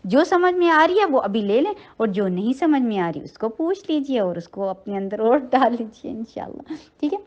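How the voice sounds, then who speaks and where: A woman's voice: fairly high pitch, highs cut off. Patient woman teaching tajweed recitation. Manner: slow drawn-out recitation between patient spoken instructions; gentle, encouraging. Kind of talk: tajweed lesson, recitation with explanation.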